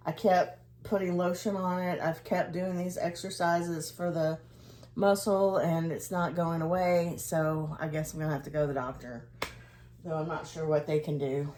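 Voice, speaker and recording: A woman's voice: sits low, darkish tone, slight background noise. A woman chatting casually to camera as a vlogger, in a hesitant, rambling way that trails off.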